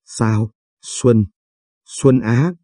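A man's voice: mid-range voice, very slow, mellow, dry recording, clean studio sound. A man voicing a landlady who learns her lost sister is alive, in a storybook reading. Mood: anxious. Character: anxious grieving younger sister, a landlady.

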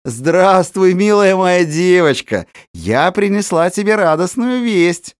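A man's voice: fairly high pitch, expressive, moderate pace, no room sound, clean studio sound, voice pushed up, natural voice. A man reading an audiobook voices a cunning woman who coaxes a child with false tenderness. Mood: coaxing. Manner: honeyed, coaxing. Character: sly scheming woman feigning tenderness.

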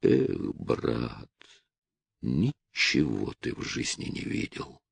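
A man's voice: sits low, lively intonation, unhurried, no room sound, full character voice. A man voicing an angry, defiant young male vigilante who argues in a heated, raised voice.

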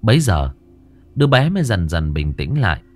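A man narrating a horror story in a lively, dramatic way. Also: fairly low pitch, normal speed, soft background music.

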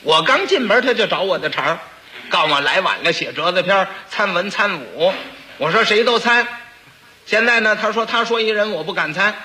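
A man's voice: high-pitched, animated, normal speed, sharp tone, a little hiss or hum, heavily acted. A man voicing a blunt, fearless minister who boasts emphatically. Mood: explaining. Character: bold blunt male minister, unafraid and cocky.

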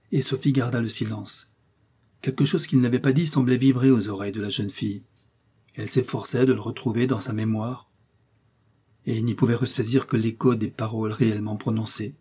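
A man reads a classic novel aloud in a calm, even storytelling voice. His tone is dark and mellow with a slight huskiness, steady from line to line. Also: mid-range voice, breathy edge. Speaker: audiobook narrator. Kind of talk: scripted narration of a classic novel.

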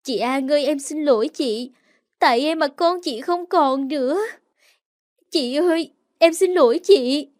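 A woman's voice: very high voice, animated, normal speed, no room sound, clean studio sound, pitched above the performer's own voice. A woman voicing a tearful young woman who keeps apologizing in a pleading tone.

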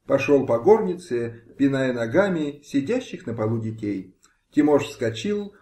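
A man reading a historical audiobook aloud with expressive, dramatic delivery. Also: medium pitch. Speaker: audiobook reader. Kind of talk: amateur audiobook narration. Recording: roomy home recording.

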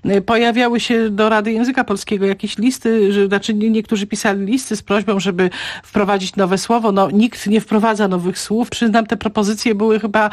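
A woman's voice: medium pitch, fairly even intonation, fairly quick, no echo. A middle-aged woman, a language expert guest in a radio studio, explaining patiently and thinking aloud with restarts. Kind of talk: radio language advice talk. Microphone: studio microphone.

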